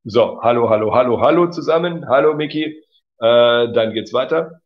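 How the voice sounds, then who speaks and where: Here a man of medium pitch talks at a normal speed while running a relaxed German-teaching livestream. He chats, reads viewers' comments aloud, fixes their mistakes and laughs easily, all captured in slightly dull lo-fi audio.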